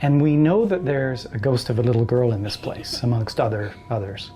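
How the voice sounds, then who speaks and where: A man, a paranormal researcher telling his experiences in a casual, animated way. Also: medium pitch, moderate pace, faint music behind. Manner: animated storyteller, acts out quoted voices. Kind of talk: casual storytelling interview.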